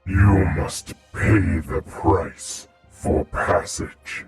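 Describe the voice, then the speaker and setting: A man voicing a menacing unseen desert being in a tabletop game, with a gravelly, rumbling, solemn, commanding delivery and an echoing effect. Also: fairly even intonation, very slow. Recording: echoing, with music behind.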